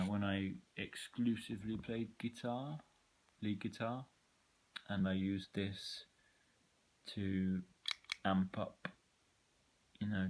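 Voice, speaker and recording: Slow, low-voiced man walking through his pedals. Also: a bit bright. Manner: loose and rambling, frequent ums, candid opinions. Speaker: musician showing his effects pedals. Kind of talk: casual gear walkthrough.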